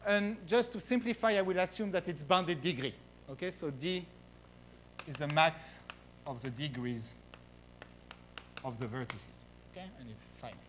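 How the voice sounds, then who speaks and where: French-accented male lecturer, fairly high voice, halting delivery, faint hiss behind. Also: fairly bright tone. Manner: hesitant, many fillers and restarts. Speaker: guest lecturer. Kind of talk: math research talk.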